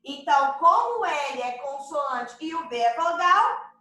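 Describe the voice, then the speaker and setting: A patient Brazilian primary school teacher, a woman with a high, bright voice, talks slowly to her young pupils. She keeps asking if they follow along and calls herself their aunt. Her voice rings a little in an echoey room. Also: big pitch swings. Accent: Brazilian Portuguese. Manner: patient, checks understanding with the children often; refers to herself as "tia" to the kids. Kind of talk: remote lesson explaining a workbook exercise.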